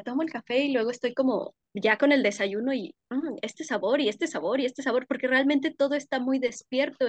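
A young woman guest in a casual interview, talking warmly and effusively about sensory pleasures, often laughing. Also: on the high side, no room sound. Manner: warm, effusive, sensory descriptions with frequent laughs. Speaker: podcast guest, workshop leader.

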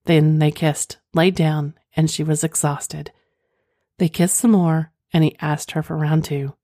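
A woman's voice: low-pitched, little pitch movement, unhurried, dark tone, no room sound, studio quality. A woman hosting a podcast, talking in a candid, flirtatious way, moving between reading aloud and casual chat. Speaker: podcast host. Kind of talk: reading listener's story, then casual chat.

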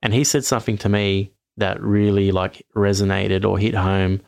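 A man's voice: fairly low pitch, level tone, normal speed, gravelly, darkish tone, smooth, no room sound, studio quality. A man co-hosting a casual sports podcast, rambling and self-correcting, a little tipsy from wine. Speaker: podcast co-host.

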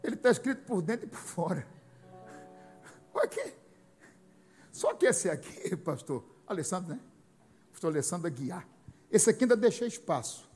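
A Brazilian man preaching a sermon in a husky, high-pitched voice. His delivery is animated, with wide swings in pitch and sudden loud peaks. Faint music plays behind him. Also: normal speed, pauses often. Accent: Brazilian Portuguese. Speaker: pastor.

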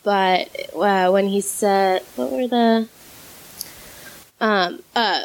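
A woman's voice: mid-range voice, very slow. A young woman co-hosting a podcast, rambling casually about music with lots of fillers and giggles, sometimes talking through a mouthful of food. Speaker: podcast co-host.

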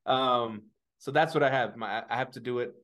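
Bright-voiced man in his forties. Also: medium pitch, normal speed. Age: 40s. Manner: laughs easily, hesitant, rambling. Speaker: podcast co-host. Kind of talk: casual chat.

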